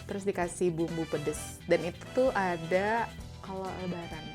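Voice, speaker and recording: A woman's voice: lowish voice, moderate pace, over music. A woman talking as a podcast guest, chatty and laughing often, with many fillers. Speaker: podcast guest, business owner. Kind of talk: casual interview chat.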